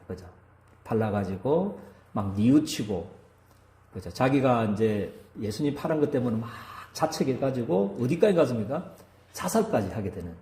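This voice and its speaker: Warm, lively-voiced male pastor preaching. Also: medium pitch, reverberant. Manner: keeps asking the congregation to agree. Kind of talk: sermon. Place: church.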